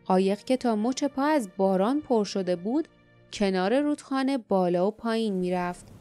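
A woman narrating an audiobook in a measured, steady reading. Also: medium pitch, soft background music. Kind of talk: scripted narration.

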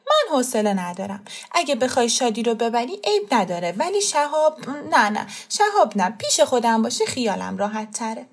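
A female narrator gives voice to a worried mother who frets over her son. She speaks with anxious hesitation, and her voice rises in pitch when she protests. This is an audiobook reading. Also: very animated, husky, exaggerated voice. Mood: fretful.

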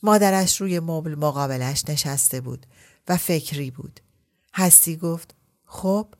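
A woman narrating a literary story as an audiobook, reading at a measured pace. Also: low voice, darkish tone.

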